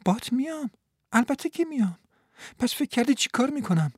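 A man voicing a young woman, a loving and eager fiancée, in a high, soft and affectionate manner for an audiobook. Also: big pitch swings, no room sound, clean studio sound, exaggerated voice. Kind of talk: audiobook reading.

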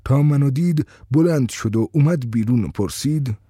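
A man reading a first-person story in a steady, conversational storytelling way. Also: mid-range voice, breathy edge, dry recording, studio quality.

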